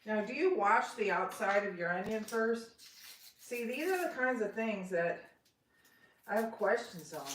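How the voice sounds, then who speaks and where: Woman host, slow and chatty, self-mocking asides; live cooking vlog, recorded off-mic in a roomy kitchen. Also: medium pitch. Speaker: home cook vlogger. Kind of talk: casual live cooking chat. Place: home kitchen. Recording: roomy, distant kitchen sound with faint noise.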